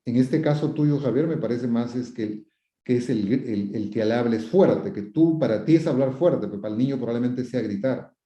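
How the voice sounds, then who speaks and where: Speaking at normal speed in a mellow, mid-range voice, a man gives advice as a psychotherapist responding to viewers. Expect frequent repetition, rhetorical questions, quotations of the questioners and acted sample phrases. The recording is roomy and lo-fi, with a dull sound.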